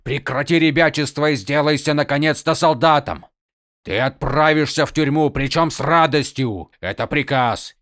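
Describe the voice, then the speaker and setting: A man voicing a stern, weary older male highlord who speaks firmly and scolds emphatically, in an audiobook. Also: moderate pace, fairly bright tone, no room sound, studio quality, natural voice. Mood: scolding. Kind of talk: audiobook character voice.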